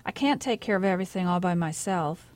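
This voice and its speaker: A woman voicing a volatile, resentful mother who snaps sharp retorts during a family fight. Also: on the low side, animated, brisk, natural voice. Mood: angry.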